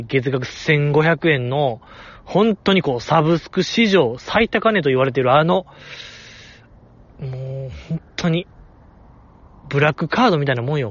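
A man with a Kansai accent, hosting a casual chat and reading listener messages, talking in excitable, exaggerated bursts. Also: on the high side, muffled recording.

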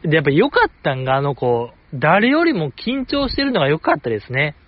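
A man's voice: on the high side, sing-song, fairly quick, no room sound, muffled recording. A man hosting a casual solo podcast, rambling with enthusiasm as he comments like a fan. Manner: enthusiastic rambling fan commentary, soft self-deprecating jokes. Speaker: podcast host.

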